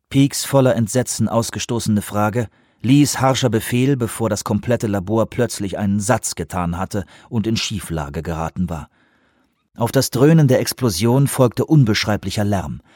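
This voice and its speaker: Low-voiced man narrating an audiobook. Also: mellow, no echo, studio quality.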